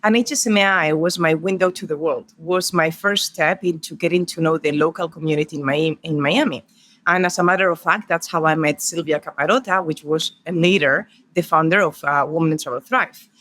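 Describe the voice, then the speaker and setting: A middle-aged woman from Spain with a Spanish accent, a guest on an interview podcast, telling stories and counting off her points in a warm way. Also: low voice, brisk, dry recording.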